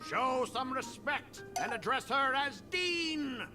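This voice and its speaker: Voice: high voice, lively intonation, takes it slowly, full character voice. An actor voicing a hot-headed, aggrieved schoolboy in a game, bombastic and indignant. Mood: pompous outrage. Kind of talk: theatrical scripted game voice acting. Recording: voice over loud game music.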